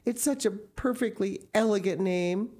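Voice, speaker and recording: A woman voices an imaginative, dramatic orphan girl of about eleven, gushing in theatrical outbursts and pleading tearfully, eager and wistful. Her natural voice is mid-range and pushed up, unhurried and mellow.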